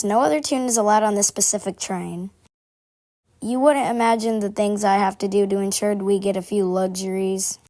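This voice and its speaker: A woman's voice: mid-range voice, a little mellow, natural voice. A woman voicing a prim, busy, gossipy game character who confides in formal phrasing, aloof but chatty. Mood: prim, confiding. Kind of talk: scripted character monologue.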